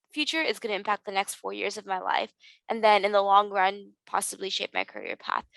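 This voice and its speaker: A woman's voice: mid-range voice, a bit bright, no room sound, rough recording. A teenage girl speaking earnestly and reflectively as a podcast guest, with frequent ums. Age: teens. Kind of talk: podcast interview.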